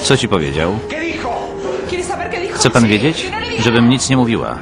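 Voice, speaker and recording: A man reading every role of a dubbed drama as a single voice-over, at an even, unhurried pace. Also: fairly low pitch. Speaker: voice-over reader of a dubbed series. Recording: loud music and crowd noise underneath. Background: original soundtrack with music and voices.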